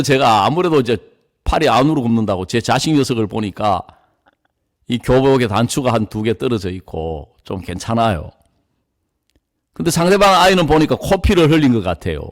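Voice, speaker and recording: Middle-aged male pastor, lively up-and-down storytelling delivery, mid-pitched voice. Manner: animated storyteller, acts out the people in his story. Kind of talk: storytelling sermon talk.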